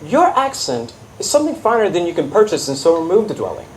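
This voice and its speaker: A woman acts an earnest young man in love, courteous and dryly witty. The Shakespearean stage delivery is very lively in pitch, recorded with faint noise behind it. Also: fast. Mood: curious, courteous. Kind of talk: Shakespearean stage comedy acting.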